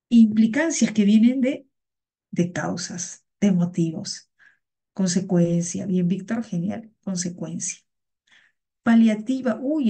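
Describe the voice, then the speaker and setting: A woman's voice: mid-range voice, dark tone. A woman teaching an online class over a video call, patient and encouraging, often repeating her words.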